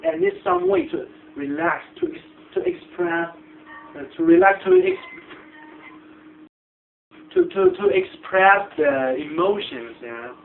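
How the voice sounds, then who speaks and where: A man's voice: very high voice, wildly swooping pitch, takes it slowly, gravelly, pauses often. A man from China with a Chinese accent, interviewing in English with many hesitations and restarts. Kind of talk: halting casual interview. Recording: tinny lo-fi echoey room, some noise.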